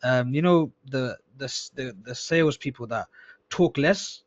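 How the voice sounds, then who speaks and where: In an unhurried, mid-range voice, a man mentors a student through a recorded sales call, keeping the tone casual, repeating words and addressing him as "akhi." The sound is lo-fi and slightly dull.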